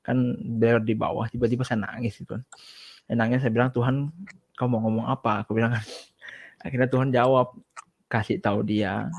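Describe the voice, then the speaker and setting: A man casually telling a religious testimony as a guest, chatty and relaxed, acting out his own past dialogue. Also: medium pitch, brisk, vocal fry, long pauses, dry recording.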